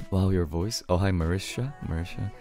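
Hoarse low-voiced young man streaming. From Korea. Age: 20s. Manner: laid-back, greets viewers one by one, laughs often. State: hoarse from singing too loud. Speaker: live streamer. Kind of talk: casual live stream chat, reading viewer messages aloud. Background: his favorite song playing softly.

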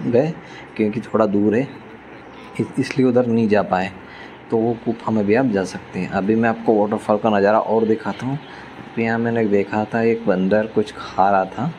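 A man's voice: lowish voice, dark tone, slight background noise. A young man chatting enthusiastically as a travel vlogger, talking to viewers while filming outdoors on a phone. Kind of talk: casual travel vlog narration.

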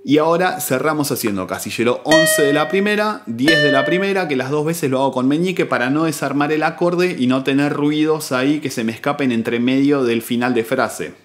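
A man, a guitar teacher giving a calm, methodical step-by-step tutorial, counting out strings and frets. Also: a little high, a little fast, few pauses. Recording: guitar playing loudly between phrases.

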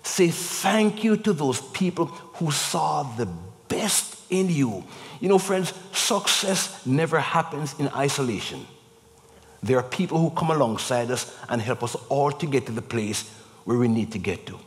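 A man preaching a sermon as a guest preacher, with animated delivery and drawn-out emphatic phrases. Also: medium pitch. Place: chapel. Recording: long echo of a chapel.

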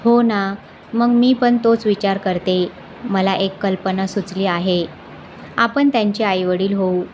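A woman voicing a caring young daughter-in-law in a storybook reading, talking warmly and persuasively. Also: medium pitch, fairly even intonation, slow, slight background noise, close to an everyday voice.

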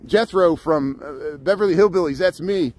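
This fairly high, slightly mellow voice belongs to a middle-aged Midwesterner from Indiana, United States, livestreaming as he strolls through a city park. He chats loosely and haltingly, jumping between topics, over noisy outdoor traffic.

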